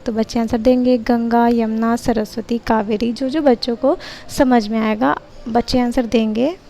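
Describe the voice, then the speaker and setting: Woman, high voice, mellow tone, methodical tutor. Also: fairly even intonation, gravelly, faint music behind. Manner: methodical, steps read out in a measured way. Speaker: teacher-training tutor. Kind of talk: explaining a lesson plan.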